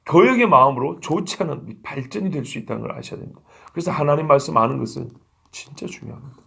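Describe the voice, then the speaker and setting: A male pastor delivering a sermon, asking his listeners questions and answering them himself. His voice sits a little high, with a gravelly, husky texture. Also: fairly bright tone.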